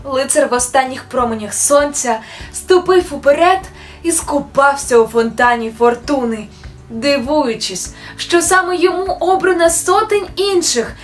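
Woman storyteller, high voice, fairy-tale narration over faint music. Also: normal speed. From Ukraine. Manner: gentle, expressive storytelling. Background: soft music.

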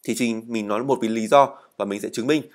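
A man's voice: lowish voice, brisk. A man teaching an English speaking lesson, explaining in Vietnamese, reading model answers and having students repeat words after him. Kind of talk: spoken language lesson.

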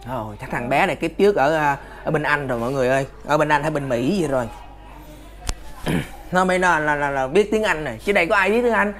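A man's voice: a little high, fast, a bit bright. Man, Southern Vietnamese accent, casual interviewer, rambling, talkative. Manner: chatty, rambling, restates answers. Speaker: interviewer and channel host.

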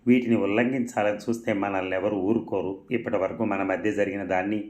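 Man doing a smug heartless young village guy, cold and mocking, low voice, echoey. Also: fairly even intonation, brisk, darkish tone, lightly acted. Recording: roomy echo.

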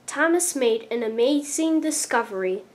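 A woman reads a children's story aloud with deliberate, expressive emphasis. A clear background noise with a low rumble sits behind her.

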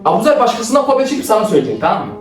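Teasing young man with a lively voice. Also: high-pitched, rapid-fire. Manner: teasing, bossy, often laughing. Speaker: older brother directing a skit. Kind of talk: playful sibling role-play skit. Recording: roomy, from a distance, faint music.

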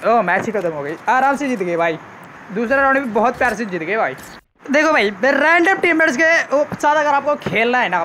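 High, bright-voiced excitable gamer man. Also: a little hiss or hum. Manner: excitable, joking, casually crude banter. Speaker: gaming YouTuber. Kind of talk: live gameplay commentary.

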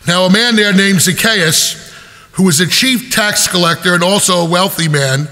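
Bright-voiced priest preaching in a church. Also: male voice, high-pitched, moderate pace. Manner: conversational teaching, verse by verse. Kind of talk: homily. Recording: long church reverb.

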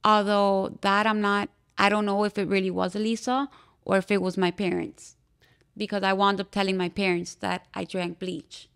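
A young woman from Miami, telling her own story as a podcast interview guest in a candid, halting way, with frequent fillers and restarts. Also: mid-range voice, level tone, creaky, a bit bright, clear, resonant tone. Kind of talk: personal testimony in a podcast interview.

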